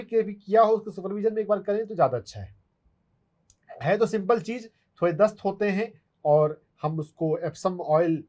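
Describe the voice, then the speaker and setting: A man's voice: fairly high pitch, darkish tone. A man, an acupuncturist who explains health remedies step by step as he answers viewer questions. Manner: instructive, step-by-step, demonstrates on his hand.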